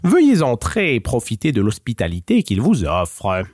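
A man voicing a sly male talking cat in a storybook who speaks in a courtly, flattering way. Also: medium pitch, normal speed, no echo, clean studio sound.

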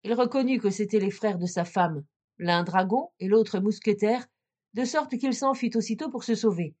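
A woman's voice: medium pitch, husky. Woman reading a classic fairy tale. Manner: measured, expressive narration. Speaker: storyteller.

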